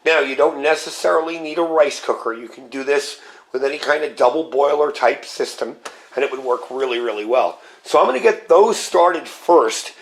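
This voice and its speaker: Getting over a cold, a channel host with a slightly scratchy voice runs a casual cooking vlog. He relaxedly explains each step while handling his gear. His voice is mid-range, at a normal speed.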